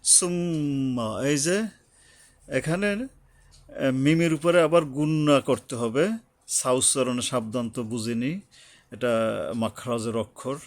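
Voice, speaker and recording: A man gives a slow tajweed lesson, explaining letters and pronunciation patiently in Bengali, repeating his points and breaking into chanted recitation. His voice is medium-pitched and the recording is dry.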